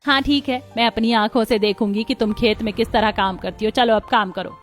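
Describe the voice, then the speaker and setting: A woman's voice: on the high side, steady tone, brisk, soft background music, natural voice. A woman voicing a stern, bossy mother-in-law in a cartoon story, scolding and commanding.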